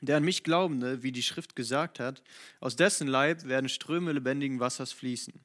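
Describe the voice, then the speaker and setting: A man reading the words of a calm male teacher aloud in a measured, earnest voice during a Bible reading. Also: medium pitch, natural voice.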